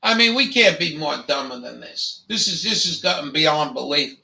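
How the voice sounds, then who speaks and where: A man's voice: a little high, lively intonation, moderate pace, gravelly, pushed and bright. A man hosting a livestream, ranting in a heated, profane, rambling way with many fillers. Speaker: livestream host. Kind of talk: angry profane rant.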